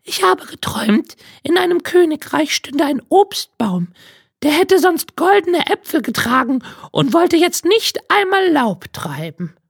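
A crafty, kindly old grandmother in a high, creaky falsetto, played by a man. She fusses in a sing-song way, and her voice swings widely up and down. It is a dry storybook reading. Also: sing-song, unhurried, dry recording, full character voice. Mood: coaxing.

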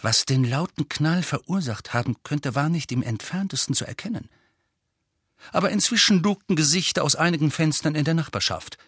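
A man narrating an audiobook in an expressive, dramatic storytelling manner. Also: fairly high pitch, a little fast, husky, no room sound, clean studio sound.

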